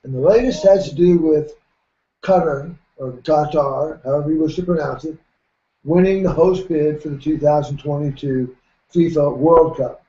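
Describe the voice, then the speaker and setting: A middle-aged man hosting a radio sports talk show, speaking in a measured, folksy way and often clearing his throat. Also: on the high side, mellow. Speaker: host. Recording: roomy, dull lo-fi sound.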